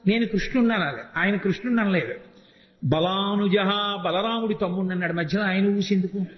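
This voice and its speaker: An older man giving a devotional discourse, telling a story lively, acting out the dialogue and chanting verses. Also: high voice, fast talker. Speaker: spiritual speaker. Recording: dull echoey hall recording.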